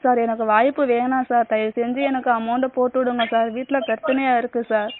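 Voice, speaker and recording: A woman's voice: fairly high pitch, flat delivery, fast talker. A woman on a phone call, begging and repeating "sir" in nearly every line as she pleads for her money back. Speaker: scam victim on a phone call. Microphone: phone call recording. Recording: tinny phone line with loud noise.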